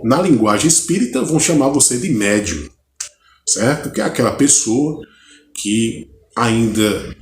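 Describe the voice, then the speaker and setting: A man with a Brazilian Portuguese accent, a pastor giving an unscripted Bible study to camera. He talks haltingly, checks in with his listeners, and fires long strings of direct questions at the viewer. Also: on the low side, slight background noise. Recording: echoey room recording.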